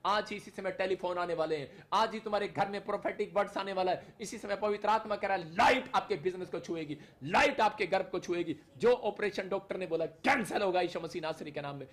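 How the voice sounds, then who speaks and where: A man's voice: sits high, brisk, hardly any pauses, fairly bright tone. A male pastor leading a fervent prayer sermon, calling out short repeated declarations for the congregation to say after him. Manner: leads the audience in repeated call-and-response declarations.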